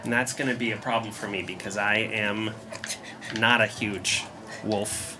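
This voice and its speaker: A man running a tabletop game as game master, halting with many ums and laughing easily. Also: fairly low pitch, steady tone, background noise.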